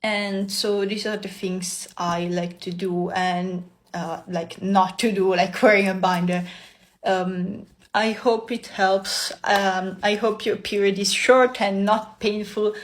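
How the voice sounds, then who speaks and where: A young woman giving casual advice in a soft, hesitant way, full of fillers and pauses. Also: mid-range voice, fairly even intonation.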